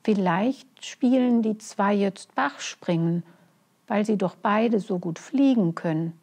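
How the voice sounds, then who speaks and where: A woman's voice: medium pitch, takes it slowly, darkish tone. A woman reading a children's picture book, voicing a sulky, worried male hedgehog. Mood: worried, brooding.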